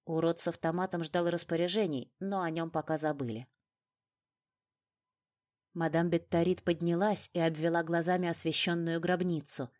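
Low-voiced woman narrating an audiobook. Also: darkish tone. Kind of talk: first-person audiobook narration.

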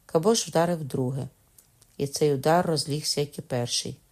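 A woman narrating a classic novel in a steady, even storytelling voice. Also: low-pitched, normal speed. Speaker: audiobook narrator. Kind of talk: scripted narration.

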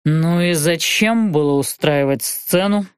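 A woman voicing a sarcastic exiled male aristocrat who speaks in a dry, measured way. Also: sits low, clear, resonant tone, no room sound, pitched below the performer's own voice. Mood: sardonic.

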